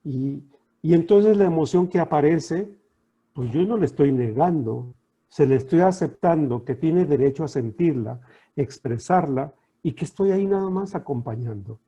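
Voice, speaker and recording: A middle-aged Mexican man, a coach, giving a calm, reflective talk full of rhetorical questions over a video call. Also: on the high side, moderate pace, husky.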